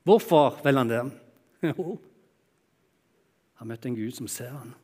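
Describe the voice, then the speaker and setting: A man preaching a sermon, moving between raised, emphatic lines and quiet, hushed ones. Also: slightly rough. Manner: expressive, swings from loud exclamations to hushed low tones. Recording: long hall reverb.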